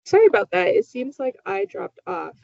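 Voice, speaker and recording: A woman's voice: medium pitch, very animated, normal speed, creaky, darkish tone, no room sound. A woman moderating a webinar, her voice muffled by a poor microphone.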